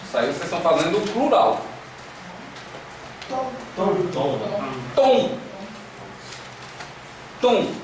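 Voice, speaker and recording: A man's voice: high voice, big pitch swings, slow, pauses often. A man with a Brazilian Portuguese accent teaching a Greek class, drilling students with repeated syllables and coaxing questions. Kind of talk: classroom lecture. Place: classroom with echo. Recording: echoey room, distant mic, faint hiss.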